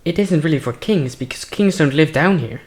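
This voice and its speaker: A man playing a wary male guide in a tabletop game who warns the party about a guarded cave. He talks with many fillers and a dry, sarcastic edge, in a slightly high voice. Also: lively intonation, brisk, close to an everyday voice.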